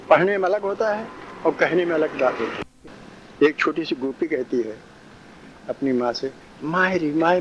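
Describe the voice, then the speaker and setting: A male spiritual teacher giving a discourse, repeating phrases and chuckling often in a drawn-out teaching cadence. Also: sits high. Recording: dull lo-fi recording, faint noise.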